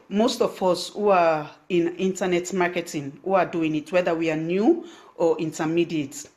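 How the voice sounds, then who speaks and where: On a Facebook live stream, a woman from Sierra Leone, an online business coach whose first language is Krio, shares business tips in English with a Sierra Leonean accent. Her voice is on the low side with a darkish tone, and she uses many fillers and restarts, stopping to thank viewers by name.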